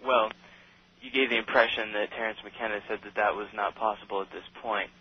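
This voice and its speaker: A man's voice: on the low side, fairly even intonation, a little fast. A man calling into a radio show over the phone, arguing his point with the host. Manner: argumentative, pushing his point. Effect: voice heard over the phone line. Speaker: radio call-in caller. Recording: dull lo-fi phone audio.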